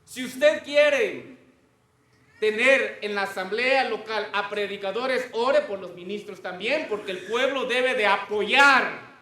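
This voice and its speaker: A man's voice: sits high, a little slow, sharp tone, reverberant. A man preaching a sermon to a congregation, often stopping to ask them questions.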